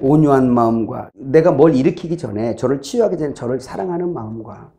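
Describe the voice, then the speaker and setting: A middle-aged man preaching a sermon as a pastor, telling stories with lively acted-out voices and laughter. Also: medium pitch, fairly quick. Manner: animated storytelling, acting out voices and laughing.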